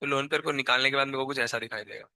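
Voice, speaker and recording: A man's voice: medium pitch, fairly even intonation, very fast, bright, forceful tone, dry recording. A man teaching a live chemistry class with a sore, strained throat, constantly quizzing his students and scolding them.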